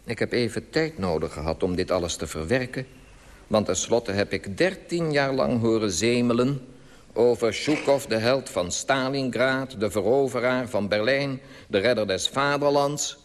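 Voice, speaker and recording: A man's voice: mid-range voice, expressive, moderate pace, in a large hall. A man delivering a dry, mocking satirical monologue for old radio.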